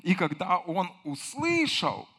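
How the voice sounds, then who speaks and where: A man delivers a passionate sermon in a high, ringing voice. He drops to near whispers, then builds back up to loud exclamations. He repeats his phrases again and again for emphasis. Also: sing-song, slow pace, slightly rough. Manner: impassioned preaching, swinging from low murmurs to loud cries. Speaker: pastor.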